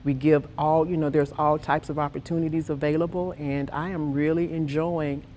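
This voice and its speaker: A woman's voice: low-pitched, little pitch movement, moderate pace, mellow, slight background noise. A woman guest on an industry panel who talks in an enthusiastic, emphatic way. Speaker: guest, methanol industry employee. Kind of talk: panel interview.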